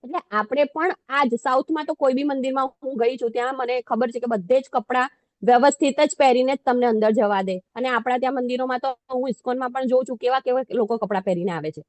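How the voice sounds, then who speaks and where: High-voiced woman giving a devotional class. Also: fast talker, a little mellow, no room sound. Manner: conversational, self-deprecating, asks the audience questions.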